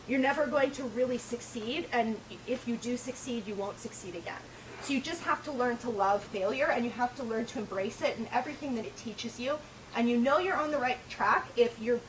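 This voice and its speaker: A woman's voice: on the high side, recorded from a distance, a little hiss or hum, rough recording. A woman giving an earnest, encouraging motivational talk. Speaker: speaker.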